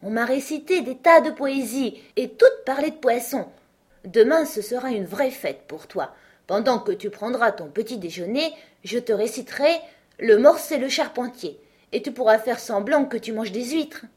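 A woman's voice: fairly high pitch, moderate pace, darkish tone, husky, pitched above the performer's own voice. A woman voicing Alice, a curious, chatty young girl who fondly scolds her cats in a storybook reading.

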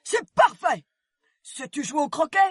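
Man shrieking as a shrill, imperious Queen of Hearts. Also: big pitch swings, measured pace, dry recording, clean studio sound, heavily acted. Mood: commanding. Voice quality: shrill, piercing, loud. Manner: imperious, shouting orders. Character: furious bossy shrill Queen of Hearts, playing-card tyrant.

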